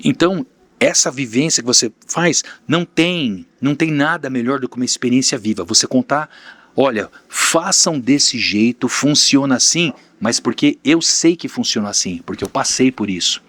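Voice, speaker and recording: Man, from Brazil, podcast guest, candid storyteller, mid-pitched voice, dry studio sound. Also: brisk, fairly bright tone, no room sound. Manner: storytelling, plain-spoken, candid. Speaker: podcast guest, teacher and mentor. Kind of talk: casual interview talk.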